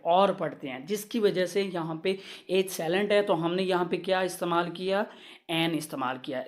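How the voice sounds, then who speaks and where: A man teaching a grammar lesson, reading example sentences slowly and checking in with a repeated "okay" after each point. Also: high voice.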